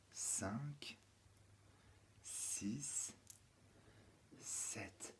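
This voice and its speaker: A male kindergarten teacher giving a home-schooling lesson to young children. He counts aloud, sings a rhyme and reads riddles slowly and clearly. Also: lowish voice, a little hiss or hum.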